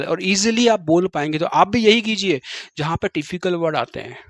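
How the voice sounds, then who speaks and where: Male English teacher, Hindi accent, slightly high voice, dry close sound, call-and-response drilling. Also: fairly bright tone, dry recording. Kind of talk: classroom lesson.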